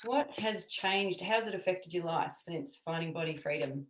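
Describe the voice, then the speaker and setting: A woman's voice: fairly low pitch, normal speed. A woman interviewing casually as a coach, with an encouraging, affirming way of talking. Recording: roomy, echoey sound.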